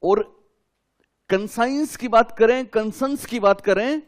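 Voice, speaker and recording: High-voiced male teacher drilling his class. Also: slow. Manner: call-and-response questions to students, repeating key terms. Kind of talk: classroom lecture.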